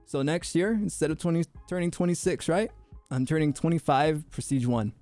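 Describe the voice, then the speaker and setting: A man's voice: a little high, a little mellow, no echo, faint music behind. A young man streaming his VTuber debut, goofy and joking, often tripping over his words in restarts. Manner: goofy, joking, quick to laugh; stammering restarts. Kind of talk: casual livestream chat.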